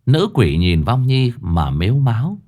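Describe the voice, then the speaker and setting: A man narrating a ghost story in a lively, folksy, expressive way. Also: medium pitch, a little slow.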